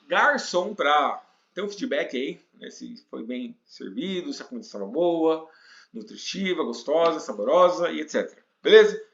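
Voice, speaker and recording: A man with a Brazilian Portuguese accent gives a casual English lesson in a fairly high, very animated voice. He talks slowly and patiently and keeps checking in with his students. The recording is roomy and a little dull. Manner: explains patiently, checks in with "né?" and "tá?", reads English example lines slowly. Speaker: English teacher. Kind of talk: casual spoken language lesson.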